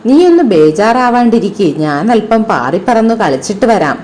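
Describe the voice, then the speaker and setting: A woman's voice: medium pitch, very animated, normal speed, darkish tone, a little hiss or hum, close to an everyday voice. A woman voicing a playful young boy kite who begs to keep flying, in a coaxing, pleading voice. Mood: carefree. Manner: coaxing, begging tone.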